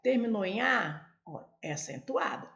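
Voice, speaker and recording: A woman's voice: medium pitch, sing-song, gravelly, a bit bright, roomy sound, dull audio. A Brazilian woman teaching a Portuguese grammar lesson for exam prep, explaining step by step and talking straight to her viewers. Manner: slow, explanatory, addresses viewers directly.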